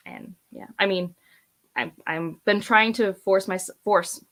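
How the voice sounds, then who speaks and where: On a read-along panel, a book vlogger in her thirties rambles through casual, opinionated book talk with plenty of emphasis. She speaks slowly in a mid-range voice with a fairly bright tone.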